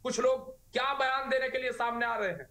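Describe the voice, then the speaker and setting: A man's voice: very high voice, brisk, sharp tone, roomy sound. A man speaking as a party spokesperson on a TV news debate, arguing combatively and firing off rhetorical questions. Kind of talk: heated TV debate argument.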